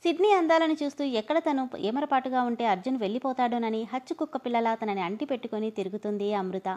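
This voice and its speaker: A woman storyteller reads a story aloud. Her narration is expressive and her voice sits fairly high. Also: fast talker.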